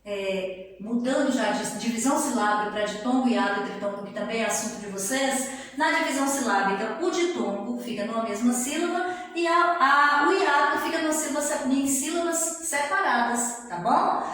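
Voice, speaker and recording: A woman teaching a grammar lesson, sounding out syllables slowly and often checking in with her students. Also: high voice, fairly bright tone, a little hiss or hum. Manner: slow, drawn-out syllables with frequent check-in tags. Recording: very echoey room with long reverb.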